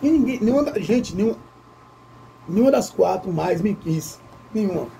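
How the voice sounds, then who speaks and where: Gravelly-voiced vlogger. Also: male voice, sits high, normal speed, slight background noise. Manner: animated, addresses viewers as "gente". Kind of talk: casual storytelling during a mukbang.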